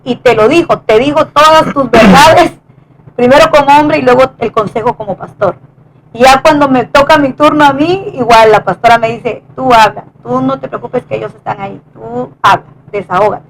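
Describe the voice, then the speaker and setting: A woman with a high voice recounts a personal testimony in an earnest, conversational way. She often stumbles and restarts her phrases as she speaks. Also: a little hiss or hum, low-quality recording. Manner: earnest, halting with many restarts. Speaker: wife sharing testimony.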